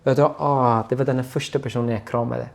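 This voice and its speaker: A man speaking in a halting, low voice, a guest recounting his own past in an interview. His sentences often trail off into near silence. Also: fairly even intonation, vocal fry. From Syria. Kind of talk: personal storytelling interview.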